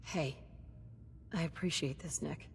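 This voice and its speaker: A determined mother asks for help in an earnest, polite way, slow and slightly low. Long reverb and faint noise trail her game audio. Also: gravelly.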